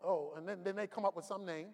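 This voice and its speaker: A man preaching a sermon as pastor, swinging from shouted climaxes to quiet storytelling asides. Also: sits high, steady tone, quick pace, creaky, a little hiss or hum. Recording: long reverb of a large hall.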